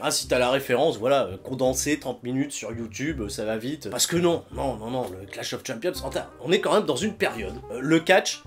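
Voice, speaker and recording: A man's voice: medium pitch, expressive, moderate pace, hardly any pauses, faint music behind. A man hosting a wrestling show, chatting in a rambling, slangy and sarcastic way. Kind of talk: casual wrestling chat.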